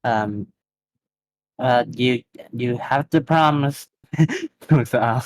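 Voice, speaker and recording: A man runs a tabletop role-play game as game master, narrating in a halting, hesitant way. His voice is mid-pitched, and the sound is dry and close. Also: no echo.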